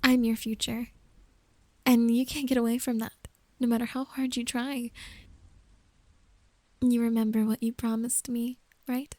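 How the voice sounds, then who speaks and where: Woman acting a creepy, slow, soft-spoken possessive girlfriend. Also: on the high side, little pitch movement, no echo. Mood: controlling, coaxing. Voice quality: soft, breathy, often soft-spoken. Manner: creepy, coaxing and controlling. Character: possessive, manipulative yandere girlfriend, sweetly menacing. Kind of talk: ASMR role-play.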